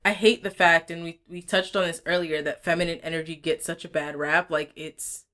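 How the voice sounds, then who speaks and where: A woman co-hosting a podcast, thinking aloud in a relaxed, reflective chat. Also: on the low side, a little fast. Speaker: podcast co-host. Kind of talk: casual chat.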